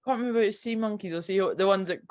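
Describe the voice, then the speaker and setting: A speaker co-hosting a podcast in casual chat, reacting quickly and laughing often. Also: medium pitch, darkish tone. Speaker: podcast co-host.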